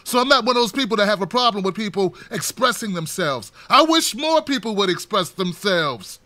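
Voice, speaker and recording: A man giving an unscripted political commentary, talking straight to the camera, impassioned and preachy, building to near-shouts. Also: sits high, animated, brisk, no room sound.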